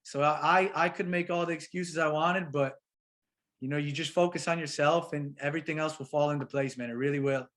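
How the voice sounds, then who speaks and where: A man who plays soccer professionally chats briskly as an interview guest, his voice on the high side. He's lively and slangy, throwing "bro" and "man" at the host.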